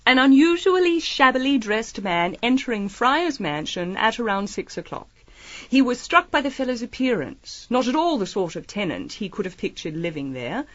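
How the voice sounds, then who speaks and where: In a period radio mystery, a shrewd, breezy lady amateur detective feigns innocence while slyly probing, airily polite and disarmingly chatty. Her fairly high voice swoops with lively inflection at a moderate pace. The recording is close and dry with no echo, and the highs are cut off.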